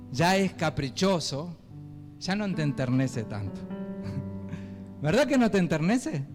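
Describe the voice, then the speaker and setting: High-voiced Rioplatense pastor preaching. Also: male voice. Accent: Rioplatense Spanish. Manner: animated, conversational, asks the congregation questions. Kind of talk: sermon. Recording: echoey hall with guitar music.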